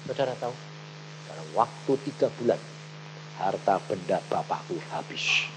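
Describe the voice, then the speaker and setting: Animated male preacher. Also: deep voice, moderate pace, background noise. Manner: animated storytelling, often rising to emphatic calls. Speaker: evangelist preacher. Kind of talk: sermon.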